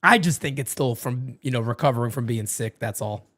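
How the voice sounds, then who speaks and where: A man runs a live fan watch party, calling the game play-by-play and chatting with viewers in a mid-range voice at a fairly quick clip. Though he's losing his voice, he gets excitable, shouting on big plays and swearing freely.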